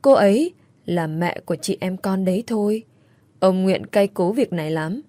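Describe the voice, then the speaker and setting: A woman voicing an older father who speaks in a calm, measured, sorrowful way. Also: medium pitch, dry recording, lightly acted.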